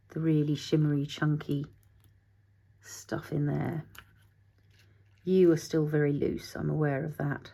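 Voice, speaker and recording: A middle-aged woman with a low, slightly gravelly voice talks her way through a craft project at her desk. She thinks aloud, chats to her materials and now and then slips into a breathy near-whisper. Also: dark tone. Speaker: craft tutorial host. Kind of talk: casual crafting tutorial, talking while working.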